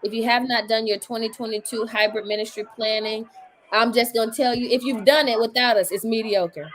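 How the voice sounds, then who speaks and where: A woman's voice: fairly high pitch, steady tone, a little fast, a bit bright, slight background noise, poor audio. A woman hosting an online gathering, talking casually and emphatically with joking asides. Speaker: host. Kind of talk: casual talk to a live online audience.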